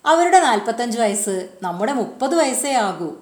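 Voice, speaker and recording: A woman voicing a kindly male schoolteacher who explains gently. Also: a little high, very animated, moderate pace. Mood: instructive. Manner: gently instructive. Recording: roomy echo.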